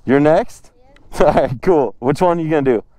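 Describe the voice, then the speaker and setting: A young motovlogger chats from his motorcycle on a residential street, recorded on a helmet-mounted action camera. His fairly high, mellow voice moves at normal speed with no room sound, and he jokes around and laughs often.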